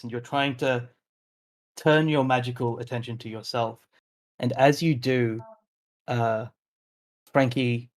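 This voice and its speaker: A man narrating as game master of a tabletop role-playing session, in a measured, unhurried way with frequent filler words. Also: medium pitch.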